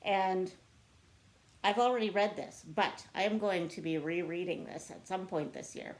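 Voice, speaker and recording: Answering book tag questions, this woman vlogger talks to camera in a relaxed, chatty, self-deprecating manner. Her voice is on the low side and moves at a moderate pace.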